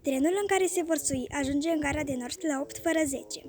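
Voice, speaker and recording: A woman reading a classic comic story aloud as an audiobook narrator, with clear, measured storytelling. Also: high-pitched. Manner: clear, measured storytelling with lively quoted voices. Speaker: audiobook reader.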